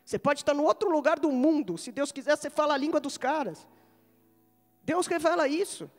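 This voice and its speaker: A woman's voice: high-pitched, a little fast. A woman pastor with a Brazilian accent preaching a sermon in a large church, telling funny stories before building to emphatic preaching. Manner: humorous storytelling, rising to emphatic preaching. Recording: long reverb of a church hall.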